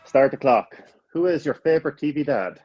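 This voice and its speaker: A man co-hosting a casual podcast, firing off quick questions and cracking jokes with frequent laughs. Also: a little high, animated, darkish tone, no echo, dull audio, soft background music. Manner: jokey, laughs often. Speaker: podcast co-host.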